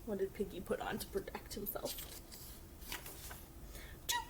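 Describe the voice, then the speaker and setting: A woman hosting a children's storytime, reading aloud and asking gentle questions. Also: medium pitch, steady tone, a little fast, heavy background noise. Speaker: storytime reader.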